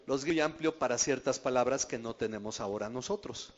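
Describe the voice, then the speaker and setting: This sermon comes from a man preaching as a pastor, chatting with his listeners and often putting questions to them. He speaks briskly in a mid-range voice, captured in a dull recording within an echoing hall.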